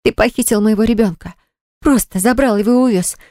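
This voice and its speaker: A woman narrator voicing a furious, defiant young mother with high, hissing, indignant outbursts. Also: brisk, dark tone, no room sound, clean studio sound, lightly acted.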